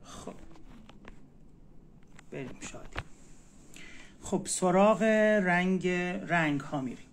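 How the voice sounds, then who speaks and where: A man teaching a language in a casual live stream, patiently repeating words slowly. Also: high voice, a little hiss or hum.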